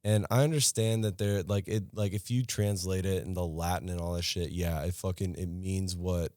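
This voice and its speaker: Here a podcast co-host whose voice sits low talks at a moderate pace, bluntly venting and swearing freely in a casual conversation. It's studio-quality audio without any room sound.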